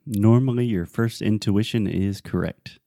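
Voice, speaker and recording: Low, mellow-voiced male podcast co-host. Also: measured pace, vocal fry, no room sound, clean studio sound. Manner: explanatory, teacherly. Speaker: podcast co-host and English tutor. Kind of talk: casual podcast chat explaining English phrases.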